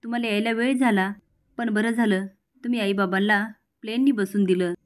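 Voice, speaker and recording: A gentle young wife, read by a woman narrator in a family drama retelling. She reasons politely and persuasively. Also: medium pitch, fairly even intonation, a little fast, lightly acted.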